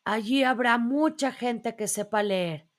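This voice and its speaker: A woman puts on a soft-hearted bear from a storybook, a gentle big male bear who speaks hopefully and earnestly. His voice sits high and is delivered slowly and carefully. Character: gentle male brown bear longing to read.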